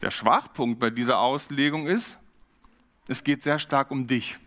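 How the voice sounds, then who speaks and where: A man preaching a sermon, reflective and steady, often posing questions to his congregation. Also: mid-range voice, a little slow. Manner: reflective, poses rhetorical questions.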